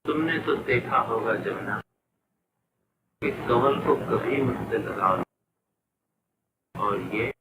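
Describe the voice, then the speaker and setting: An actor playing a sick, despairing husband and father who speaks slowly and wearily, in 1930s film acting. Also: lowish voice. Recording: echoey, distant, noisy 1930s film sound.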